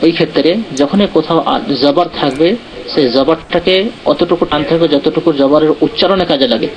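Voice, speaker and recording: A man's voice: fairly high pitch, fairly even intonation, a little fast, crowd noise. A man teaching Quran recitation in an online class, explaining patiently and checking in with his students often. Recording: muffled online call audio.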